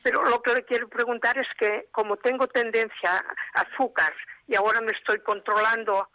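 Woman caller, bright sharp voice, dry phone sound. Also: fairly high pitch, fairly even intonation, moderate pace, dry recording, low-quality recording. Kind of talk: phone call to radio show.

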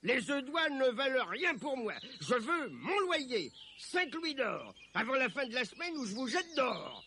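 A man's voice: extremely high pitch, sing-song, unhurried, bright, forceful tone, slight background noise, pitched above the performer's own voice, heavily acted. A man playing a blustering greedy baron. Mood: angry. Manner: disgusted, blustering. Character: grumpy greedy male baron, bad-tempered.

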